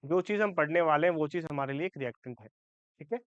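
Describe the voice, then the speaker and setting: A man's voice: a little high, animated, a little fast, clear, resonant tone, no room sound, highs cut off. A man teaching a chemistry lecture for exam students. He checks in often with his class and corrects his own slips as he goes. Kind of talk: exam-prep lecture in Hindi-English mix.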